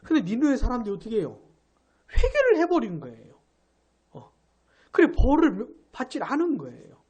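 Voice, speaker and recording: A male pastor giving a midweek Bible study sermon, emphatic, asking his listeners questions and reading scripture aloud slowly. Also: very high-pitched, wildly swooping pitch, darkish tone, highs cut off.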